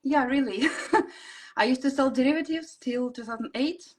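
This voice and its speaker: A woman's voice: sits high, normal speed. Russian-accented woman chatting on a video call. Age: 40s. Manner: chatty, many fillers, laughs easily. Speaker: guest. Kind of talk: casual interview chat.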